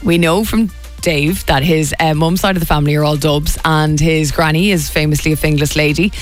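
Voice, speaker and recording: A woman's voice: sits low, steady tone, brisk, soft background music. A young Irish woman hosting a radio show, chatting casually and teasing her co-host. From Ireland.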